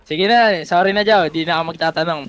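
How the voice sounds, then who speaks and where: A man's voice: fairly high pitch, fairly even intonation, fast talker, no room sound. A young man making pushy calls and crude jokes in casual gaming voice chat.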